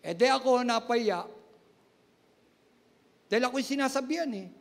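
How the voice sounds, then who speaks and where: A male pastor telling a personal story in a sermon, animated and laughing at himself as he acts out what people said. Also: very high-pitched, normal speed, gravelly. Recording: long reverb of a large hall.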